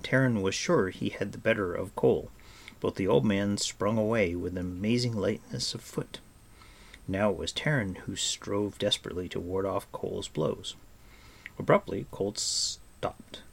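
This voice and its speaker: A man narrates an audiobook in a measured, expressive way. His voice sits low and has a gravelly, husky grain. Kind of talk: scripted storybook narration.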